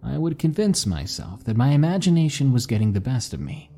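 A man narrating spooky stories in a slow, hushed, dramatic way. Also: medium pitch, big pitch swings. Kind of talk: scripted story narration.

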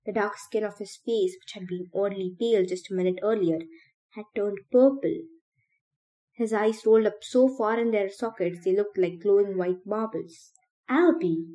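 A woman reading a novel aloud for a podcast in a steady, measured way. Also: mid-range voice. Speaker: podcast reader.

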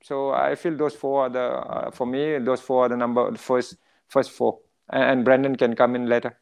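Clear-voiced Indian man giving football analysis. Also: medium pitch, little pitch movement, normal speed. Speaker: football pundit. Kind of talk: casual sports analysis.

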